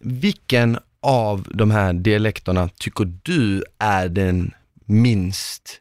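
A man's voice: lowish voice, a little mellow, clear, resonant tone, no echo. A man hosting a podcast, asking curious questions in loose, casual chat with plenty of swearing. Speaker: podcast host.

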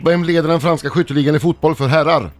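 A man's voice: on the high side, fairly even intonation, faint music behind. Matter-of-fact male quiz reader. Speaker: radio quiz question reader. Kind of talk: reading quiz questions. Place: radio studio.

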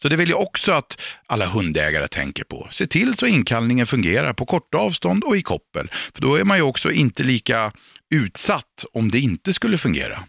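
A man working as a dog trainer, giving calm, patient and emphatic instruction for radio or a podcast. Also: medium pitch, gravelly, no echo, studio quality.

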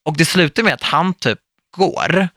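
Gravelly bright-voiced man chatting. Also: on the high side, no room sound, studio quality. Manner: relaxed storyteller, fillers like "typ" and "så här". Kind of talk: casual chat.

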